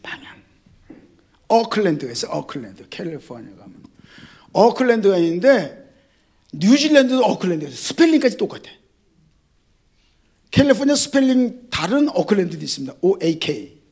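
A male pastor preaches an animated sermon straight to his congregation, repeating key words and slipping in jokes. His husky voice sits high and moves briskly, broken by long pauses.

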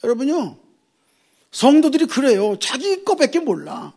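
A middle-aged man preaching a sermon as a pastor, with lots of rhetorical questions and a husky voice. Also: extremely high pitch, big pitch swings, measured pace, dark tone.

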